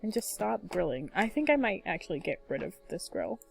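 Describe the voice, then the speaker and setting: Woman, let's play commentary, chatty, lots of fillers, light laughs, soft music behind. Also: fairly low pitch, big pitch swings, a little fast, gravelly. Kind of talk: casual gameplay commentary.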